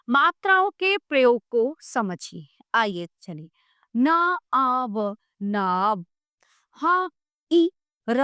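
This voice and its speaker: A woman's voice: high-pitched, sharp tone, no room sound, studio quality. A woman teacher explaining a grammar book, sounding out letters one by one and often checking that the listener follows.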